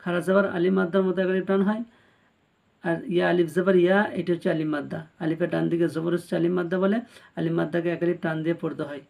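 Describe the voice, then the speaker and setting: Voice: mid-range voice, level tone, fast talker, creaky, a little mellow. A Quran reading teacher giving a spelling-out recitation lesson. The teacher spells each letter and vowel mark, then draws out the joined syllables, and speaks directly to the viewers.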